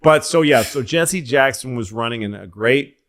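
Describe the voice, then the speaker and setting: A middle-aged man from Massachusetts, co-hosting a podcast in casual chat and telling anecdotes in an animated way, acting out the voices of other people. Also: medium pitch, moderate pace. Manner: animated storyteller, acts out voices in his anecdotes. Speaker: podcast co-host.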